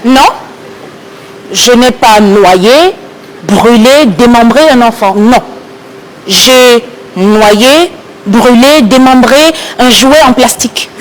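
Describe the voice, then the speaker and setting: A woman with a West African French accent plays an advisor in a comedy sketch. She explains herself slowly and insistently in a fairly high voice. Light background noise sits behind her. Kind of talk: staged comedy sketch dialogue.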